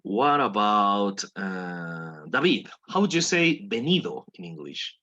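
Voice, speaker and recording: Husky-voiced man teaching a class. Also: fairly low pitch, big pitch swings, slow pace, pushed and bright, highs cut off. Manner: patient, coaxing, repeats words for drilling. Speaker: English teacher. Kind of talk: classroom teaching with pronunciation drills.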